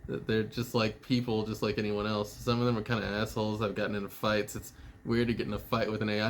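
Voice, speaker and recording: Speaking in a mid-range voice, a man who vlogs about spirituality sends a friend a loose, meandering video message. A bit weary and spaced out, he halts often, teases irreverently and drops the occasional swear word.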